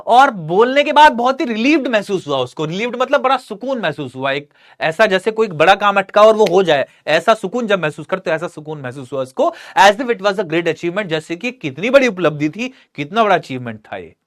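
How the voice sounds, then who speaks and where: An English teacher explaining a story line by line, reading each English sentence slowly and then explaining it, defining words along the way. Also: mid-range voice, sing-song. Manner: defines words and checks in with "right?".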